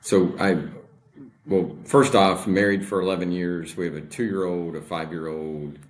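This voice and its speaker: A man in his forties, with a very low, deep voice, is a podcast guest in a casual interview. He talks in a measured, deliberate way, like someone relaxed in conversation.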